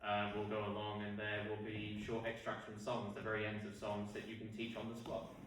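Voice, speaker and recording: A man teaching barbershop song parts to an audience, unhurried, singing example notes between his explanations. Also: fairly low pitch, monotone, a bit bright, slight background noise. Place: hall with an audience. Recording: echoey hall, distant mic.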